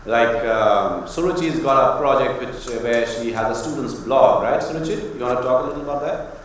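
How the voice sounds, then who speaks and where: A man's voice: mid-range voice, moderate pace, distant mic. A man moderating an open-house question session, conversational and rhetorical, who puts questions to the audience. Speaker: faculty moderator. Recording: echoey hall, off-mic, faint noise.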